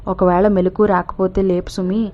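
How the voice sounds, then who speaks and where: A man's voice: high voice, flat delivery, moderate pace, lightly acted. A woman voicing a self-important, impatient middle-aged man, in a dull lo-fi recording. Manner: bossy, impatient.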